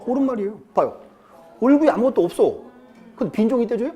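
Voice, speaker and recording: A man's voice: very high voice, lively intonation, fast, warm tone, faint music behind. A male lecturer teaching a class in a chatty way, quizzing students and acting out quotes. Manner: chatty, asks the class questions and acts out quotes. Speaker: real estate law lecturer.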